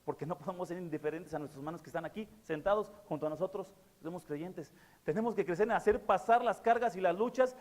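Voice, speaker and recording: A man preaches in a fairly high voice, earnest and fond of repeating his key words. He leans on fillers between phrases. His sermon rings with the long reverb of a church hall. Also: a little mellow. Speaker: pastor.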